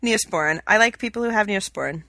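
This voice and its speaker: A fast-talking woman co-hosting a casual podcast, upbeat and chatty. Her voice is bright and forward. The sound is dry and close, with no room echo. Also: medium pitch. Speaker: podcast co-host. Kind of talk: casual chat.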